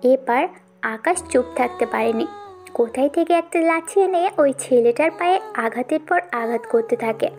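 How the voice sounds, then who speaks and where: A woman narrating a dramatized audio story in a steady storytelling way. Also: sits high, normal speed, faint music behind.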